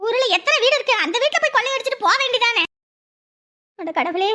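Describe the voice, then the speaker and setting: A woman's voice: very high-pitched, lively intonation, quick pace, bright, forceful tone, heavily acted. A woman voicing a panicky, wailing middle-aged village wife in a cartoon, with a Kanyakumari Tamil accent. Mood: panicked. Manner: wailing, pleading. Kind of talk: cartoon voice acting.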